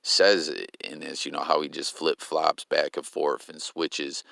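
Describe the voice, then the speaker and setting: A man's voice: very deep voice, flat delivery, unhurried, vocal fry, pushed and bright, no echo, studio quality. A man hosting a casual commentary vlog, laid-back and slang-heavy, often stumbling over his words. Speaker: commentary channel host.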